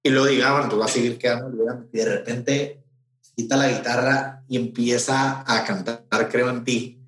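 A man's voice: mid-range voice, little pitch movement, a little fast, a bit bright. A man with a Mexican accent, an event promoter telling a story in a casual interview, rambling with many fillers and restarts. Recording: roomy echo.

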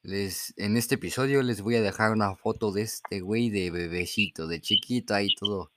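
Joking Mexican podcast host. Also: male voice, lowish voice, normal speed, a bit bright, a little hiss or hum. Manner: playful, interrupts to joke to listeners. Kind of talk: casual podcast chat.

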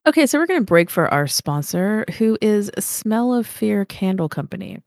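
A woman's voice: medium pitch, sing-song, normal speed, gravelly, a little mellow, dry recording, clean studio sound. A congested woman hosting a podcast, chatting casually, swearing and laughing often. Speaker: podcast host. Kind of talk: casual chat.

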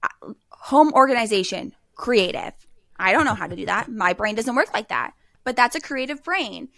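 Young woman podcast guest, bright tense voice, dry close sound, chatty "like"-filled delivery. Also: fairly high pitch, expressive, normal speed, gravelly, no room sound. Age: young adult. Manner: chatty, peppered with "like". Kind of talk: casual podcast storytelling.

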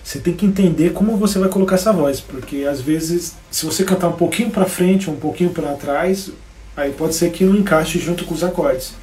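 Chatty guitar teacher, echoey room. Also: male voice, a little high, brisk, a little mellow. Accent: Brazilian Portuguese. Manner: casual, chatty, greets viewers by name. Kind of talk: live-streamed guitar lesson.

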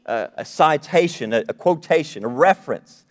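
A man's voice: fairly high pitch, expressive, moderate pace. A man, a pastor, preaching a sermon in a conversational style, rising emphatically at key points.

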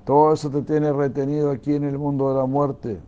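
A man's voice: on the high side, flat delivery, fairly quick, dark tone. A man preaching a sermon, telling stories and repeating phrases for emphasis. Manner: storytelling, emphatic repetition. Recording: dull lo-fi recording with faint noise.

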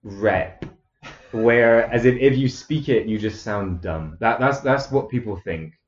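A man's voice: mid-range voice, a little slow. A man hosting a podcast in casual chat, telling stories with stammering restarts and frequent laughter. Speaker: podcast host. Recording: echoey, dull lo-fi room.

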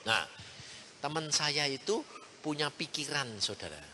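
A man, preaching a storytelling sermon, animated and acting out the people in his story while speaking to his listeners directly. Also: a little high, measured pace. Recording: reverberant hall with faint ambient noise.

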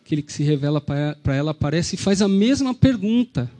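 High-voiced Brazilian pastor preaching. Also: male voice, expressive, a little fast, warm tone. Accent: Brazilian Portuguese. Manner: storytelling, with rhetorical questions to the congregation. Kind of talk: Easter sermon.

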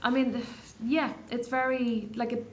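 Fairly high in pitch and level in tone, this woman talks a little slowly over slight background noise. She's a Donegal Gaeltacht poet in her thirties, a guest in an interview, giving considered, hesitant answers with many restarts in her Donegal Irish accent.

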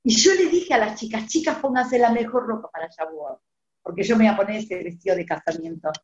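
Animated older woman telling a story. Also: fairly quick, roomy sound, lo-fi sound. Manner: animated, acts out quoted dialogue with rising pitch. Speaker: community speaker. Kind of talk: personal storytelling to a women's group.

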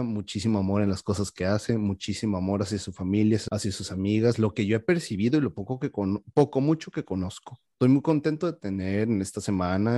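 A man, hosting a casual podcast interview and warmly introducing his guest. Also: lowish voice, no room sound, studio quality. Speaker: podcast host.

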